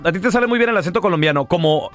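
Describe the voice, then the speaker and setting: A man's voice: sits high, lively intonation, very fast, fairly bright tone, faint music behind. A man hosting comic radio banter, telling a playful story.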